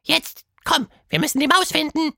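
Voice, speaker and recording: A man voicing a wild, playful male monster in a high, squeaky, exaggerated voice. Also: normal speed, vocal fry, bright, forceful tone, no room sound, studio quality, full character voice. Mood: musing.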